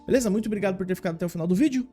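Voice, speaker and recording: A Brazilian man gives a casual video lesson in a mellow, slightly high voice, chatty and full of fillers and little tag questions. Faint music plays softly behind him. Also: rapid-fire. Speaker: English teacher.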